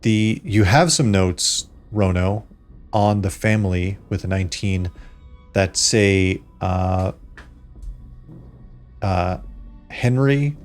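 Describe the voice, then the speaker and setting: A man with a fairly low voice narrates as the game master of a tabletop role-playing game. He lays out the world in halting, improvised exposition. Faint music plays behind him. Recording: background music under the voice.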